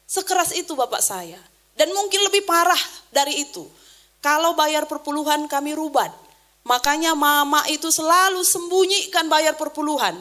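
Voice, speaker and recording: A woman pastor, preaching a sermon and telling personal stories with animated swings between loud and hushed. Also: high-pitched.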